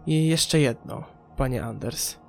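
A man's voice: mid-range voice, a little slow, creaky, darkish tone, soft background music. A man voicing a cool, guarded woman who is protective of her mother, in an audiobook. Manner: cool and curt.

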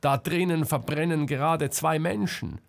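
A man voicing a desperate young woman reporter who shouts in panic. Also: on the high side, unhurried, creaky, pitched above the performer's own voice.

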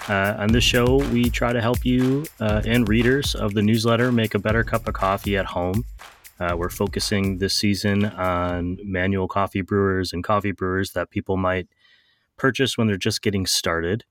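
A man hosting a podcast, chatting in a relaxed, joking way with frequent fillers. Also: on the low side, normal speed, slight background noise. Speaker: podcast host. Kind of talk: casual podcast chat.

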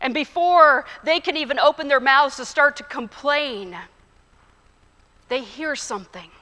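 Lady pastor preaching slow and earnest, high voice, echoey church. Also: pushed and bright. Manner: measured, earnest, storytelling. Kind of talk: sermon. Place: church sanctuary.

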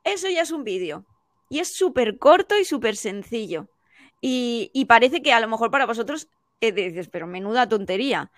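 Woman, higher voice, dry close sound; animated teacher giving advice as a podcast guest. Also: no echo. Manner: animated, explaining with quick examples. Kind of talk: casual podcast conversation.

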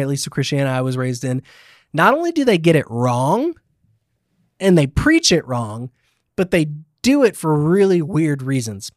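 A man's voice: on the high side, darkish tone, no echo, clean studio sound. A man hosting a casual faith podcast, talking emphatically with fillers and restarts. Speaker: podcast host.

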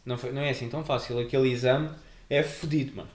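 A young man with a European Portuguese accent, chatting casually on a podcast and telling animated stories, acting out other people's voices. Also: mid-range voice, racing, a crowd in the background. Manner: animated storyteller, acts out voices. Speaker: podcast co-host. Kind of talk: casual chat. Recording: echoey room with faint noise.

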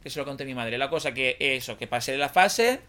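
A young man from the Valencia region with a Valencian accent, whose first language is Valencian, chatting casually on a podcast and telling a lively, slangy anecdote. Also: medium pitch, brisk. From Valencia region, Spain. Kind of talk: casual chat, storytelling.

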